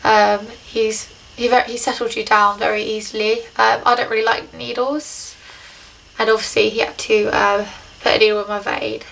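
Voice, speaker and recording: A woman's voice: on the high side, little pitch movement, normal speed, creaky, a bit bright, slight background noise, rough recording. A young woman talking hesitantly in a casual video diary, short of breath and congested just after nose surgery. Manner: hesitant, rambling.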